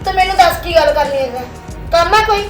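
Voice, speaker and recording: A woman's voice: very high-pitched, expressive, a little fast. A woman playing a jealous, blunt other woman. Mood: sharp. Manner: blunt, threatening. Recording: echoey room, far from mic, music behind.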